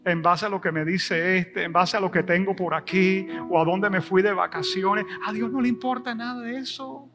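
A middle-aged male pastor preaching a sermon, swelling loud and high at times, then dropping soft. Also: normal speed, few pauses, over music. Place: church service.

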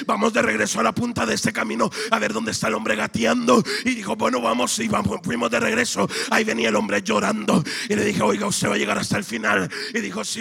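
A man preaching a sermon as a pastor, telling a story with dialogue, swinging between loud shouting and a hushed whisper. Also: sits high, gravelly, slightly rough.

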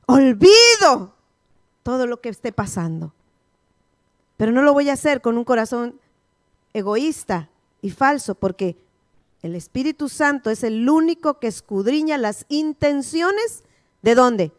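A woman's voice: high-pitched, expressive, a little slow, dry recording, studio quality. A woman pastor teaching a sermon, quizzing her listeners with repeated questions. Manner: call-and-response, repeated questions to the congregation.

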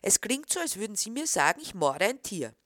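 A woman's voice: medium pitch, very animated, brisk, fairly bright tone, dry recording, studio quality, pitched above the performer's own voice. A woman voicing an indignant, pushy woman customer who scolds sharply and defensively.

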